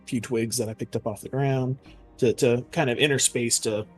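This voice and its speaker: A man with a mid-pitched voice improvises as a player in a tabletop game. He talks casually and haltingly, thinking aloud as he goes, with soft music behind him. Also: steady tone. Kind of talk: casual improvised game role-play and description.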